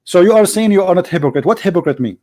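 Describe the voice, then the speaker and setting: A man's voice: high-pitched, lively intonation, racing, mellow, dry recording. A man hosting a live call-in debate show, arguing insistently and repeating his points to press a caller. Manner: argumentative, insistent, repeats phrases.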